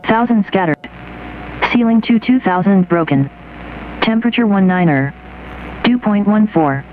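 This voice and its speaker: A recorded airport weather broadcast heard over aircraft radio, reading weather figures slowly and evenly. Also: medium pitch, expressive. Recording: tinny radio with faint hiss.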